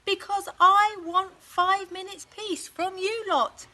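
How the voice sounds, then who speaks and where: A woman's voice: very high-pitched, fairly even intonation, takes it slowly, bright, forceful tone, slight background noise, pitched above the performer's own voice, exaggerated voice. A woman voicing a weary, exasperated but fond elephant mother from a children's storybook, with emphatic, sighing delivery. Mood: weary, firm. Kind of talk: children's storybook character reading.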